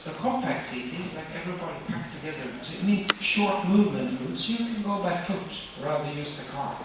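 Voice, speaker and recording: A middle-aged Norwegian woman fields questions from a podium after an academic workshop talk, thinking aloud in a thoughtful, halting way full of fillers and restarts. She is picked up from far back in a large, wood-paneled auditorium, so her voice echoes and booms over a steady hiss of room noise.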